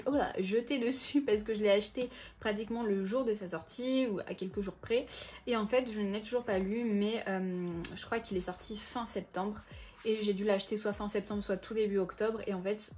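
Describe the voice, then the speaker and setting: A woman's voice: medium pitch, a little mellow. A woman in her twenties chatting casually through a book haul video, often hesitating and correcting herself. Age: 20s. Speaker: book vlogger.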